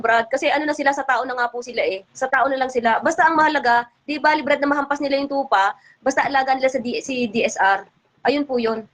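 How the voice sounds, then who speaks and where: A woman's voice: sits high, a bit bright. A woman hosting a casual livestream chat, talking in an indignant, scolding way. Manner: indignant, scolding, talks fast. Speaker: livestream host.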